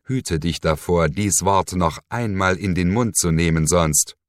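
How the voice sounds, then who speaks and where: A man's voice: sits low, unhurried, no room sound, studio quality. A man voicing a mocking, menacing villain who sneers and hisses, in an audiobook reading. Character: mocking sinister man, cold cult leader.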